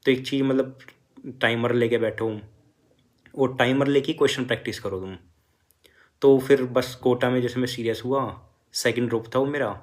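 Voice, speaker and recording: Young man giving casual study advice. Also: medium pitch. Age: young adult. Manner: conversational, many fillers, advising students directly. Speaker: medical student sharing exam journey. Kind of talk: casual motivational talk.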